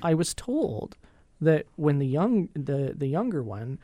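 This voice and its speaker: A man's voice: on the high side, very animated, slow pace, dark tone, dry recording. Joking middle-aged man, dry close mic. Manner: joking, teasing, chatty. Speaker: podcast co-host. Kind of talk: casual chat.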